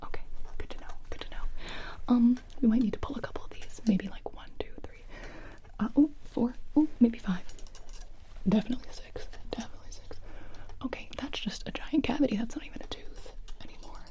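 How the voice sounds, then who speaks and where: A woman's voice: fairly high pitch, brisk. A young woman whispering close to the mic, playing a series of doctors in a comedic ASMR roleplay, now and then breaking into full voice. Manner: soft close whispering with sudden voiced outbursts.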